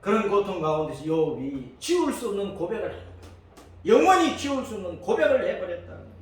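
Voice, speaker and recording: Man, pastor, lively sermon, acts out quoted voices, big church reverb, mic some way off. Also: high-pitched, quick pace. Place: church sanctuary. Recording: echoey church hall from far off.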